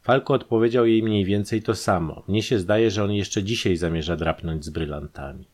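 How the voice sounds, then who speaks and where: A man's voice: fairly low pitch, moderate pace, a little mellow, natural voice. A man voicing a calculating, ironic male thief in an audiobook, speaking with raised, eager intensity. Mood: conspiratorial.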